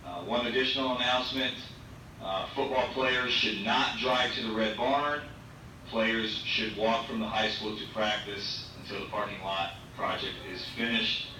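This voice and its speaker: A lower-pitched man speaks through a school intercom loudspeaker, his voice booming back from the classroom walls. He sounds distant from the mic, with steady background noise around him. He delivers a measured announcement and repeats the key instructions. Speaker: school administrator making announcements. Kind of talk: public address announcement. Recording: booming echo from a ceiling speaker, noisy classroom.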